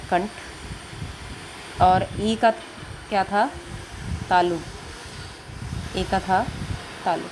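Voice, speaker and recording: A woman's voice: mid-range voice, a little mellow, a little hiss or hum, poor audio. A woman teacher giving a grammar lesson to children, patiently asking questions and answering them herself. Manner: patient, asks and answers her own questions.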